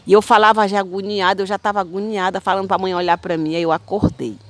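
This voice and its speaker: A woman's voice: medium pitch, fairly even intonation, slight background noise. Brazilian woman in her fifties, rambling. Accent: Brazilian Portuguese. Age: 50s. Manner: rambling, repetitive, halting storytelling. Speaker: spiritual channel host. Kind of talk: personal testimony of dreams.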